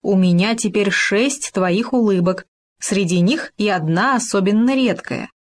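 Woman doing Khoma, a squeaky little hamster. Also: a little slow, close to an everyday voice. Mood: innocent. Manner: calm, innocent, explaining patiently. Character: small clever squeaky male hamster. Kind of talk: storybook reading.

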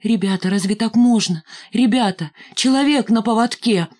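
A woman's voice: mid-range voice, a little slow, slightly rough, voice pushed up. A woman voicing a cowardly schoolboy who fawns and pleads in a whiny voice. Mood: pleading.

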